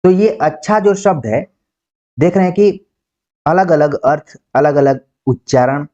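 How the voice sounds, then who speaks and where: Male lecturer, fairly high voice, patient explainer who demonstrates examples; muffled lo-fi audio. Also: dark tone. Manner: explains slowly, acts out example words, says "ठीक है" often. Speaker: Hindi teacher. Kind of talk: exam-prep lecture. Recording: dull lo-fi sound.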